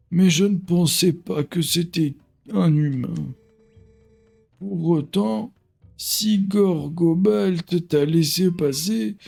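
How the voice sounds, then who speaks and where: Man putting on a slow, very old man. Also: sits high, creaky, a little mellow, pitched above the performer's own voice, full character voice. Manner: slow, solemn very old man's delivery. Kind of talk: voicing video game dialogue.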